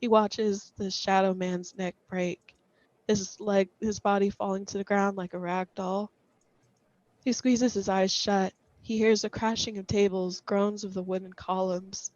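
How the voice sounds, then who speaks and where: A woman reading a scripted horror story aloud in a measured, suspenseful way. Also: mid-range voice, flat delivery, darkish tone, dry recording, dull audio.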